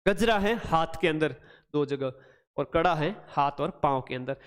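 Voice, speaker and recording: A man with a high voice teaches an online exam-prep lesson and greets viewers by name. He turns each list into a playful memory trick. His voice carries a long reverb. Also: expressive, measured pace, smooth.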